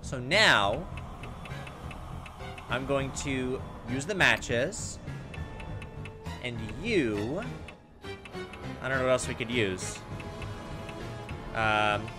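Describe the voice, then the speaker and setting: Over game music, this man muses to himself at a very slow pace with long pauses, his medium-pitched voice animated as he reads on-screen text during a casual playthrough for his gaming channel.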